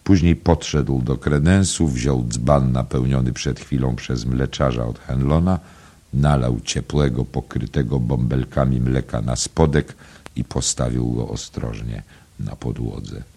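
Super deep guy reading a novel, slow and gravelly. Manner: calm, unhurried literary reading. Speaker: audiobook narrator. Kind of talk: scripted narration.

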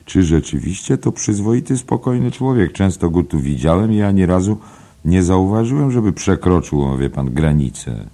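A man's voice: sits low, animated, normal speed, dark tone, pitched above the performer's own voice. A man doing a polite sleepy barkeeper. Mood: mild. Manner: courteous, mild. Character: polite, drowsy male barkeeper. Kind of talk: audiobook character voice.

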